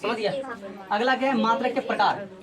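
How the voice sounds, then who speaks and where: A woman's voice: a little high, brisk, a loud crowd. A woman teaching a physics class, drilling students with repeated call-and-response questions. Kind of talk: classroom lecture.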